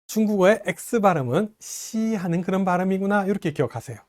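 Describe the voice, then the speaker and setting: Animated, encouraging language teacher. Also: mid-range voice. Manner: reassuring, encouraging learners; models pronunciation slowly and repeats lines. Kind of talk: online language lesson.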